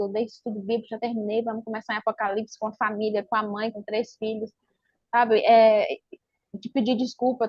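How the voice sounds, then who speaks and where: Her voice sits on the high side as she gives her pastor a testimony from her own life, her accent Brazilian Portuguese. She brings the story alive by acting out what each person said, as a member of the church. The lo-fi recording sounds dull and dry.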